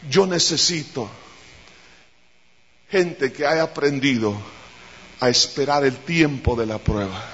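A solemn, grave God speaking, as a preacher puts him on. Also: male voice, on the high side, a bit bright, long reverb tail, highs cut off, slight background noise, pitched below the performer's own voice.

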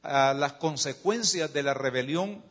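A man preaching a sermon, explaining scripture and reading passages aloud in a measured, emphatic way with occasional hesitant fillers. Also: fairly high pitch, fairly bright tone. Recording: slightly dull lo-fi recording.

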